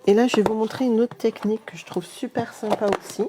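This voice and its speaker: A woman's voice: fairly high pitch, steady tone, fast, background noise. A woman with a Marne French accent hosting a live craft demonstration, talking straight to her viewers in a chatty way. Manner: chatty, often talks straight to the viewers with "regardez" and "hein". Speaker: craft tutorial host.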